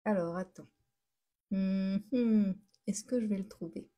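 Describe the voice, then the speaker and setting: Breathy-voiced woman chatting on a live stream. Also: mid-range voice, measured pace, dark tone. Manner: chatty, laughs often, answers viewer comments aloud; restarts and self-corrects often. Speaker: host of a daily live stream. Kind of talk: casual live chat with viewers.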